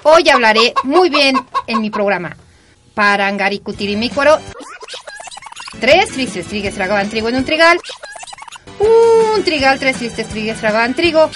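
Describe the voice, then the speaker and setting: High, chirpy lady presenter played by a woman. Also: expressive, measured pace, fairly bright tone, soft background music. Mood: earnest practising. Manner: over-cheerful, careful elocution. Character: chirpy, determinedly positive lady radio presenter. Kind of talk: comic radio drama acting.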